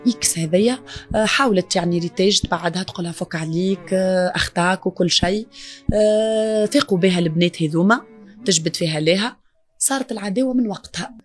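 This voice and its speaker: Speaking fast at a medium pitch, a woman with a Tunisian accent gives an emotional interview as the victim's mother, with soft music behind her. She sounds distraught, pleading and grief-stricken.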